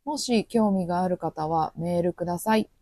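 A woman teaching Japanese with a Kansai accent, speaking slowly and clearly and acting out short quoted lines. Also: on the low side, very noisy. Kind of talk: podcast language lesson.

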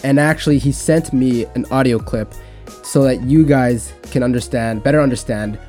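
A young man hosts a laid-back podcast by himself, rambling along with restarts. His voice is mellow and dark, and soft music plays faintly behind him. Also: medium pitch, normal speed. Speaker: podcast host. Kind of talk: casual solo podcast talk.

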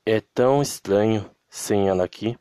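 A man's voice: lowish voice, normal speed, dark tone, clean tone, dry recording, lightly acted. A man with a Brazilian accent voicing a chatty, upbeat young woman in a story reading.

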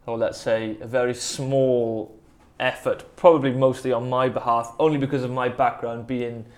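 A man's voice: medium pitch, little pitch movement, moderate pace. A man from the South Wales Valleys with a Welsh Valleys accent, talking as a musician in a casual interview, rambling and self-deprecating as he tells his story. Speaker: musician and producer in a band, interview guest. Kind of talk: casual conversational anecdote.

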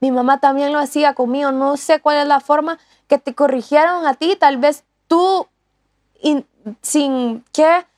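A woman talks through a lesson earnestly, pausing and restarting often. Her voice sits high, and the sound is close and dry. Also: fairly even intonation, no room sound. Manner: earnest, many restarts and fillers. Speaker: co-host teaching on discipleship. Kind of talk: casual teaching talk.

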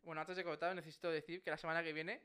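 A young man with a Spain accent hosting a casual chat in a jokey, animated way. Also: fairly high pitch, very fast, clean tone. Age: young adult. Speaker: podcast host.

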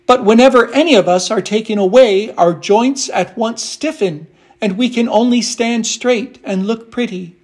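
A man voicing a timid, fragile young china princess who speaks delicately and slowly. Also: high voice, voice pushed up. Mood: prim. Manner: frightened, pleading, slow and delicate.

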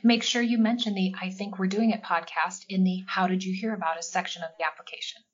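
A woman's voice: mid-range voice, fairly even intonation, fast. Woman reading an ad, slightly dull sound. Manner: scripted, smooth delivery. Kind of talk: read ad spot.

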